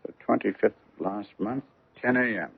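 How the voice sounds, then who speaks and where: An actor playing Sherlock Holmes as a brisk, dryly amused gentleman detective in a radio mystery, with precise, formal phrasing. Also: lowish voice, vocal fry, husky, full character voice. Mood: thoughtful, dry. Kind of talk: radio mystery drama acting. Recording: muffled, narrowband old radio recording.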